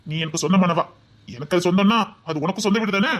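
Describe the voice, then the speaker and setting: An actor playing a stubborn, possessive young husband who insists, with a Tirunelveli Tamil accent. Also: male voice, high voice, quick pace. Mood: insistent. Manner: insistent, then apologetic.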